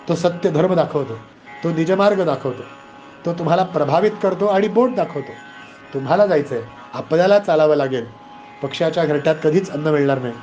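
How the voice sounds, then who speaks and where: Man, Marathi accent, high voice, animated devotional storytelling, faint background music. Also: dull audio. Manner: animated, conversational, moralizing asides. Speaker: spiritual storyteller. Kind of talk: devotional scripture discourse.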